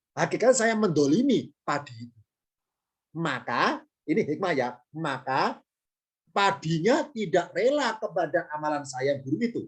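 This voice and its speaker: A man's voice: on the high side, breathy edge. A male teacher in an online class, moving through a point step by step. He poses questions and answers them himself, and repeats key terms so they stick. He adds small apologies before his examples. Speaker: Islamic studies teacher. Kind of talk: online lesson on Arabic grammar and Quran meaning.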